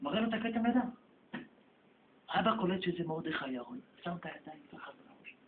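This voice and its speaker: A man's voice: a little high, lively intonation, a little hiss or hum. A man, a rabbi, telling a story in a sermon with emotive, emphatic delivery, recorded in a hall. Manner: emotive storytelling, rising to loud emphatic peaks. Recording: echoey, tinny lo-fi recording.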